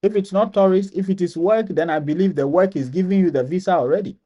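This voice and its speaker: A man's voice: high voice, fast, warm tone, muffled recording. A man with a Ghanaian accent hosting a live-stream question and answer session, reading viewers' comments aloud and answering them, often repeating his phrases.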